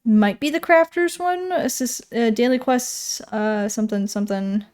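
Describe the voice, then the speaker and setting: This woman streamer rambles through game patch notes in a casual chat, fixing her own words and thinking out loud. She speaks at a moderate pace in a fairly high, smooth voice with a darkish tone.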